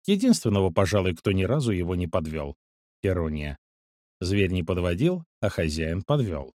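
A man reading a first-person story aloud, in a measured, calm and precise storytelling manner. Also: deep voice, no echo, studio quality. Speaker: audiobook narrator. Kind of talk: first-person scripted narration.

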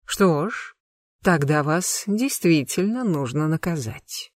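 A suave, cruel aristocratic lord from an audiobook, polite on the surface and icy underneath, as a reader puts him on. His pitch rises and falls with mocking surprise, and the voice sits close and dry with no room around it. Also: animated, a little slow, no room sound, natural voice. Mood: mocking courtesy. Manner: courteous, mocking, with cold menace. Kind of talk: audiobook narration.

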